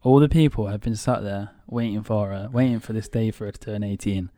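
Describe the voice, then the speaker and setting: A man's voice: fairly low pitch, fairly quick, warm tone, no room sound. A young man co-hosting a casual podcast, teasing and slangy, laughing often. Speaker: podcast co-host. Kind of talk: casual chat.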